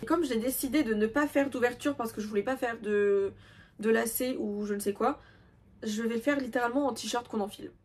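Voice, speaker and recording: Chatty breathy young woman vlogger. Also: fairly high pitch, fairly quick, darkish tone. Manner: chatty, self-mocking, many fillers and asides. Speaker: crochet vlogger. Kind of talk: casual chat showing crafts.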